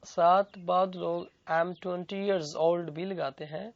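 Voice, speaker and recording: A grammar teacher with a Pakistani accent gives a bilingual lesson, methodically repeating each phrase and translating the examples. His gravelly, unhurried voice is medium-pitched and steady with no echo, though the recording is dull and lo-fi.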